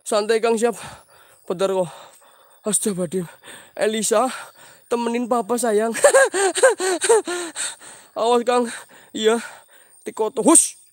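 A man's voice: high voice, steady tone, normal speed, long pauses, no room sound, clean studio sound. Jumpy man on a night stream. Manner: jumpy, praying aloud, reading out viewer names. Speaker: livestream host exploring at night. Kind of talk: live night ghost-hunt stream chatter.

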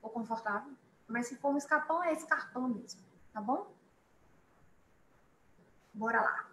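A woman teaching a beginners' online English lesson, chatty, repeating each word slowly for her students. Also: on the high side, animated, a bit bright, echoey room, a little hiss or hum, rough recording.

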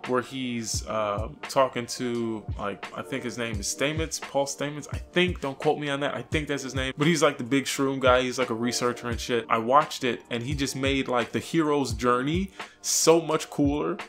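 A young man telling a story casually to camera in an expressive, slangy way, acting out reactions. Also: medium pitch, moderate pace, hardly any pauses. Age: young adult. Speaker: vlogger. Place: small furnished room with couch, indoors. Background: music.

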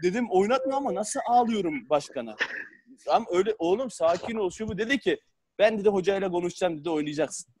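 A man with a high, light voice spins lively anecdotes over a video call. He laughs through his stories and acts out the lines of the people in them. The sound is plain call audio. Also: quick pace, slight background noise. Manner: animated, laughs often, acts out quotes. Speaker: former footballer. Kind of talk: casual storytelling on a video call.

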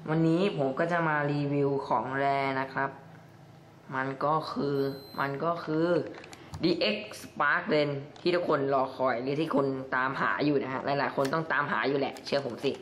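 A man's voice: on the high side, moderate pace, few pauses, a bit bright. A young man chatting casually through a toy review and padding his sentences with polite particles. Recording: echoey room, faint background noise.

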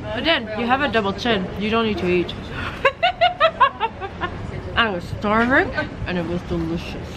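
A woman's voice: mid-range voice, normal speed, pauses often, over a noisy crowd, heavy background noise. A woman vlogging about food, chewing and talking with her mouth full. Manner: savoring, playful food commentary. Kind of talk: casual food vlog chat.

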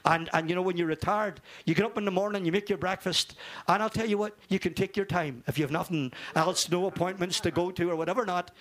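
A man's voice: sits high, fast talker, a bit bright. An older man preaching an informal sermon, fervent and rambling, dropping in amen and hallelujah. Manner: rambling, repeats words.

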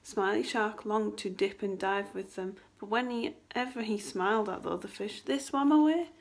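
A woman's voice: mid-range voice, moderate pace, gravelly. A woman teacher reading a children's storybook aloud indoors and asking the children questions along the way. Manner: expressive, asks the children questions.

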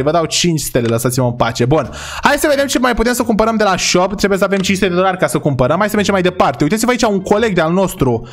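A young man from Romania giving excitable, chatty commentary while playing a video game, talking to his viewers. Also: high-pitched. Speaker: gaming YouTuber. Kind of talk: gameplay commentary.

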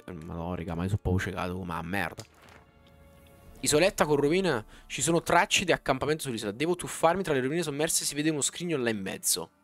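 A man casually commenting on his gameplay live, slangy and talking to his chat. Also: lowish voice. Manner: animated, slangy, talks to chat. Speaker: streamer. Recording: faint background music.

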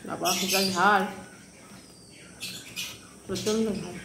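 A woman chats casually to her viewers between bites, her mouth partly full. Her voice sits in the middle range. The room is echoey and a clear hiss of noise runs behind her. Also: mid-range voice, fairly even intonation, slow. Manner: chatty, asks the viewers along. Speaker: vlogger eating on camera. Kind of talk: casual chat while eating.

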